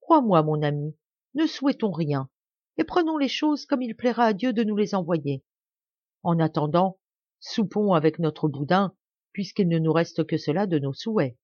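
A woman reading a fairy tale aloud, voicing an impulsive, quarrelsome poor peasant wife in a lively, excitable way. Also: on the low side, normal speed, no room sound. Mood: calm. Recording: dry, slightly dull home recording.

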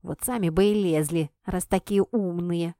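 A woman's voice: on the low side, moderate pace, mellow, dry recording, close to an everyday voice. A small, horned male imp grumbles and complains as he calls up from down a well, voiced by a woman reading the story. His tone is peevish and put-upon. The recording is dry and close, with no room sound. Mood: grumbling. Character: grumpy small male imp familiar with horns; calling up from down a well. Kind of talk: audiobook character voice.

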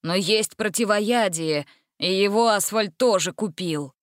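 A woman's voice: medium pitch, a little slow, dry recording, clean studio sound, natural voice. A woman doing a whiny cowardly villain. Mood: sulky. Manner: whiny, wheedling. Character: sly cornered male villain, pleading coward.

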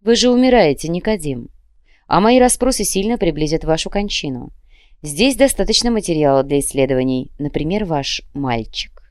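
A woman's voice: lowish voice, lively intonation, brisk, darkish tone, dry recording, clean studio sound, lightly acted. A woman voicing a polite but menacing male demon commissar who threatens in a cold, courteous way. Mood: cold menace. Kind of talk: audiobook character reading.

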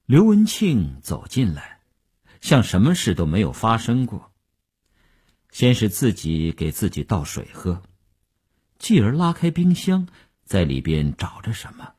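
A man narrating a radio novel at a measured pace. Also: fairly low pitch, wildly swooping pitch, a little mellow, slightly rough. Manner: measured storytelling. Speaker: novel reader.

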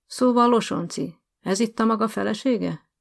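A woman's voice: mid-range voice, vocal fry, pitched above the performer's own voice, natural voice. A woman reading an audiobook, voicing a rude male official who talks in a curt, mocking, condescending way. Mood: contemptuous.

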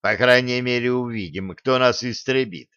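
A man's voice: mid-range voice, slow, no echo, lightly acted. A man voicing a sarcastic, weary male captain in an audiobook. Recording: dry, slightly dull recording.

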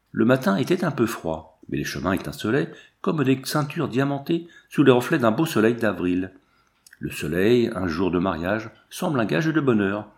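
A man narrating a story aloud at a measured, even pace. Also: fairly low pitch, creaky. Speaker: audiobook narrator.

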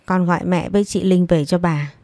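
A woman's voice: lowish voice, steady tone, fairly quick, warm tone, no echo, natural voice. A woman reading as a frail old grandmother. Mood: pleading. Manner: pleading, plaintive. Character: frail sick old grandmother, longing for family.

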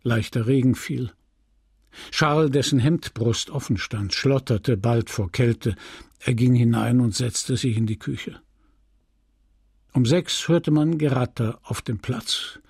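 A man reading a novel aloud as an audiobook narrator in a deliberate, measured way. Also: medium pitch, a little mellow, dry recording, clean studio sound. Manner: slow, deliberate, gravelly reading.

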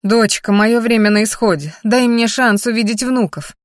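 A woman's voice: a little high, moderate pace, dry recording, studio quality, voice pushed up, close to an everyday voice. A woman playing a pushy older mother. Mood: pleading. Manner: insistent, scolding.

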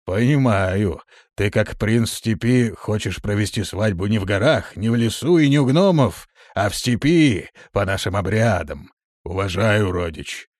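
Man voicing an old orc khan, slow. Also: on the low side, expressive, a little mellow, dry recording, clean studio sound. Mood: gruff. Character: old male orc khan, gruff and fawning.

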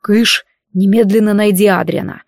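A woman's voice: medium pitch, steady tone, normal speed, creaky, no echo, studio quality, natural voice. Woman as a dragon king, curt commanding lines, mid voice, storybook figure. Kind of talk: audiobook character voice.

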